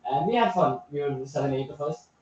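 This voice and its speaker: A man's voice: on the high side, fairly quick, a little mellow. A man at a club meeting sharing a favorite moment, hesitant with many fillers. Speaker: club member. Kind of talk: casual chat. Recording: echoey room, far from dull mic.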